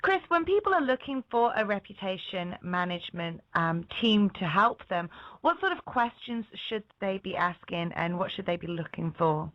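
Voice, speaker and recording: A woman's voice: mid-range voice, very animated, moderate pace, hardly any pauses, dry recording. Woman interviewer, dry and lo-fi. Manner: conversational, prompting questions. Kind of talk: interview questions. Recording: dry lo-fi audio.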